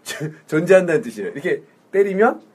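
A man teaching English one-on-one, playful and laughing often, drilling short phrases slowly. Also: fairly high pitch, sing-song.

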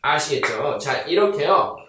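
A man's voice: fairly high pitch, animated, bright, forceful tone, recorded from a distance. Man, teacher, patient repeated drills, strong room echo. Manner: drills slowly, repeats sentences, asks "아시겠죠?". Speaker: English teacher. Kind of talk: online lesson.

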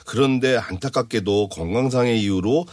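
A man explaining old songs on a radio show in lively casual chat, laughing often. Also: medium pitch, moderate pace, no echo. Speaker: music commentator.

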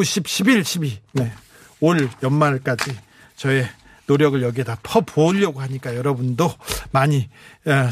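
Chatty Korean radio host, soft music behind. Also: male voice, a little high. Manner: warm, chatty, teasing asides. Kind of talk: late-night radio show chat, reading listener messages. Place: radio studio. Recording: music playing faintly behind.

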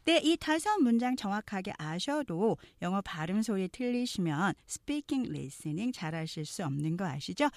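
A woman teaching English pronunciation, explaining points and then saying phrases slowly and carefully so learners can repeat them. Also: mid-range voice, big pitch swings, no echo, studio quality. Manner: slow, careful drills spoken for learners to repeat; switches between explaining and modeling phrases.

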